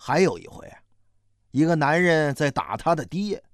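A storyteller narrating a novel in an expressive, slow and dramatic manner. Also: medium pitch, no room sound, clean studio sound.

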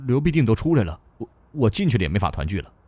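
A man's voice: on the low side, wildly swooping pitch, moderate pace, a little mellow, no room sound, voice pushed down. A man voicing a frightened male company boss who stammers and pleads with a tearful tone. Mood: pleading. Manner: stammering, near tears.

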